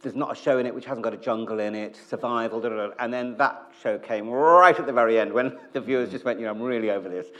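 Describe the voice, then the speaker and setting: A man's voice: medium pitch, quick pace, hardly any pauses, lo-fi sound. Man telling candid anecdotes in an interview. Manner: animated retelling, acting out quoted conversations. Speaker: television commissioning executive.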